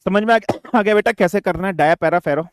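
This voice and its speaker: Talking fast in a high voice with no echo, an older man runs an online physics class. His throat sounds dry, and he mixes Hindi with English, addresses students as beta, and asks questions again and again.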